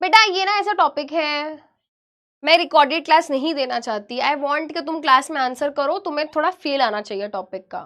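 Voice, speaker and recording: A woman's voice: high-pitched, animated, moderate pace, pushed and bright. A woman teaching a live online biology class, chatty and playfully scolding, dropping English words into her speech.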